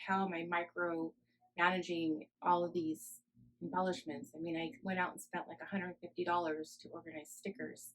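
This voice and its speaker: A woman giving a casual craft-room tour as a vlogger, rambling and thinking out loud indoors at home. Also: mid-range voice, rough recording.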